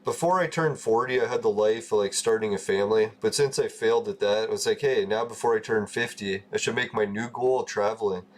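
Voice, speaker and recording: A man's voice: fairly low pitch, fairly quick, hardly any pauses. A man in his forties from Canada, chatting casually and loosely on a gaming livestream, swearing often and laughing at his own stories. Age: 40s. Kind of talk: casual rambling chat.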